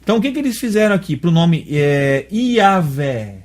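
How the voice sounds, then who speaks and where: A man's voice: on the high side, big pitch swings, normal speed, darkish tone. A man with a Brazilian Portuguese accent, teaching a religious lesson step by step and often checking that his listener follows. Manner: explains step by step, often checks understanding with tag questions. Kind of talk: explanatory dialogue lesson.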